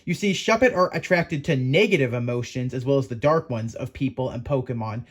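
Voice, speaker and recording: In a mid-range voice, slightly fast, a man hosts a Pokemon education show. He addresses viewers as a playful professor, theatrical and chatty, frequently asking the audience questions.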